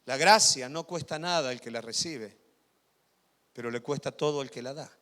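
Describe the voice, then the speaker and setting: A male pastor preaching a sermon, swinging loud emphatic passages to quiet intimate asides and often asking the congregation whether they follow. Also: mid-range voice, normal speed. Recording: reverberant church hall.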